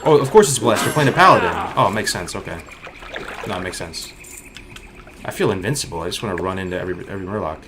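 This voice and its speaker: A man's voice: low voice, expressive, quick pace, noisy background. A man livestreaming gameplay commentary with cocky, hyped frat-bro slang. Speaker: game streamer. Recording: loud music behind the voice. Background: loud music.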